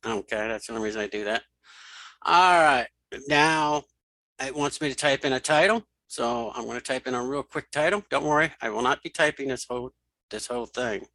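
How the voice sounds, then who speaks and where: A middle-aged man, a web developer hosting a tutorial on screen reader software, talks through the steps informally, thinking aloud and repeating key steps. His mid-range voice is bright and brisk. The mic sounds crisp and dry, with no room sound.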